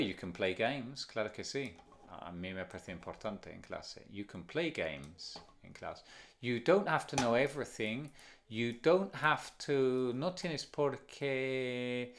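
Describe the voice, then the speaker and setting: A man teaching an English lesson to Spanish speakers, patiently repeating examples and stressing the intonation. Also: medium pitch. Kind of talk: bilingual language lesson to camera.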